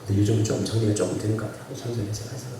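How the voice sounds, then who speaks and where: A male pastor preaching a sermon in a church, chatty and folksy, laughing often and swinging from quiet asides to shouted exhortation. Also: on the low side, steady tone, very fast, background noise. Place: church sanctuary. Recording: very echoey church hall, preacher heard from far off.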